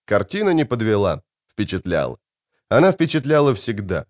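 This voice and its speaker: A man narrating a fantasy audiobook with expressive storytelling. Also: on the low side, moderate pace.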